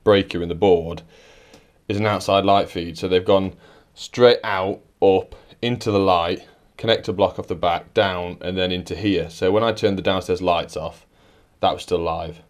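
A man working as an electrician talks casually and dryly about his job while he rewires a house, indoors, sometimes breathless. His voice is low with fairly even intonation, and he speaks at normal speed in this relaxed vlog narration.

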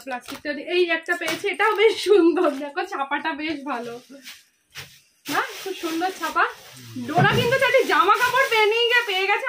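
A woman vlogger and mother, out of breath, chatting directly to her viewers in a casual unboxing vlog at home. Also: extremely high pitch. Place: home, indoors. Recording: noisy home recording.

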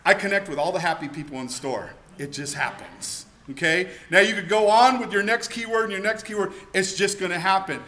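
A man in his forties delivering a lively seminar talk to a room of listeners, pressing each point with rhetorical questions. His voice sits high for a man and rings bright and forceful. He is picked up on a lapel mic in a hotel meeting room. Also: a little fast, hardly any pauses. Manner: energetic, emphatic, rhetorical questions. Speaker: keynote speaker.

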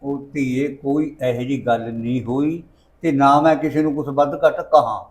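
A man's voice: mid-range voice, steady tone, normal speed, lightly acted. An actor playing a weary, defensive rural father who coaxes and pleads with his daughter. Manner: coaxing, then pleading and defensive.

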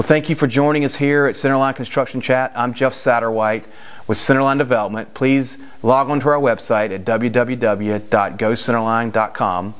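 A man's voice: medium pitch, clean tone. A man in his forties, a general contractor, casually explaining work on site in an unfinished house, with frequent restarts and fillers. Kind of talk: on-site construction walkthrough. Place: unfinished house interior with bare stud walls.

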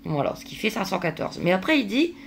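Venting in a casual daily vlog, this woman is exhausted, fed up and out of patience, leaning on plenty of fillers. She talks quickly in a mid-range voice with vocal fry and wide pitch swings, and there's slight hiss or hum in the background.

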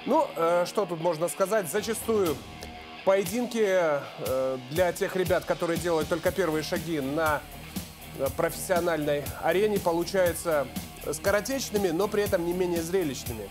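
Male fight commentator, fairly high voice, live call with clear music behind him. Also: normal speed. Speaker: sports commentator.

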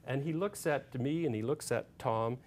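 A man telling a story to an audience, with many "uh"s, stops and restarts as he goes. His voice sits at an ordinary middle pitch. A faint low rumble sits under the recording. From Canada. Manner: halting anecdote, many fillers, gets animated and loud retelling shouts. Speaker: author giving a talk. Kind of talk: storytelling public talk.

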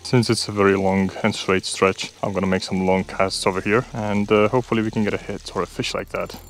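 A young man from Estonia vlogs while fishing along a riverbank, chatting candidly with viewers in a casual outdoor style. His low voice comes out flat and a little fast, with slight background noise. He's recorded on a body-worn action camera.

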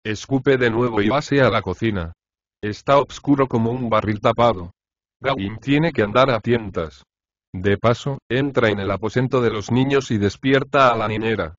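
A man narrates a classic short story in a steady, plain reading. His voice sits at a middle pitch. The recording is close and dry, with a slightly dull, muffled tone. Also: normal speed, no room sound. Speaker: audiobook narrator.

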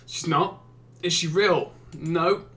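Slow-paced and a bit bright, this fairly high male voice belongs to a YouTuber and streamer from England. With an English accent, he does casual gaming commentary, answering questions he reads out with dry, exasperated humor.

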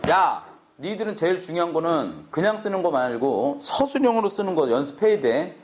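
A man's voice: on the high side, very animated, moderate pace, a little hiss or hum. A man teaching math to a classroom, brash and teasing, swearing at students in a casual way. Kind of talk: classroom lecture.

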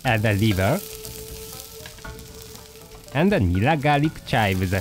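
A man voicing a poodle dog who hosts a cooking show, narrating a recipe in slow, deliberate steps. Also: fairly low pitch, lively intonation, soft background music, low-quality recording. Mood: patient. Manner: slow, deliberate step-by-step instructions.

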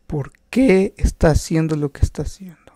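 A man preaching a sermon, slow and emphatic, with rhetorical questions and frequent restarts. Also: on the high side, animated, warm tone, no echo, clean studio sound.

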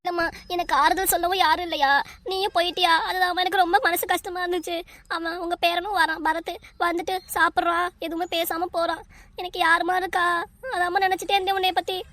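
A woman's voice: extremely high pitch, little pitch movement, fast, a bit bright. A woman voicing a lonely, plaintive grown daughter in a cartoon, with a southern Tamil accent. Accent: Tamil, southern Tamil Nadu.

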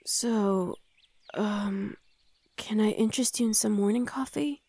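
This woman plays a soft-spoken young demon hell knight in an ASMR roleplay, flustered and gentle, her hesitant, soothing lines frequently sliding into a breathy whisper. She speaks at a medium pitch and a measured pace in a space with no room sound, sounding hesitant but reassuring.

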